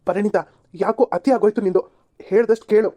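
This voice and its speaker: A woman's voice: medium pitch, steady tone, quick pace, dark tone, dry recording, lightly acted. A woman voicing an exasperated young man in an amateur cartoon serial, scolding and pleading by turns.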